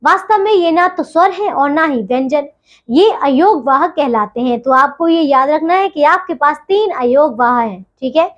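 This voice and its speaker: A woman with a high, light voice teaches a grammar lesson to children. She is patient and spells sounds out slowly, checking in with the class again and again. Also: lively intonation, dull audio.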